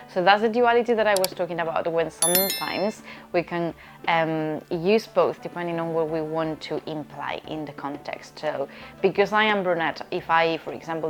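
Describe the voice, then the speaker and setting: A woman from Spain, a language teacher explaining grammar in an online lesson, often checking in with "okay?". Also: deep voice. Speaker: Spanish teacher.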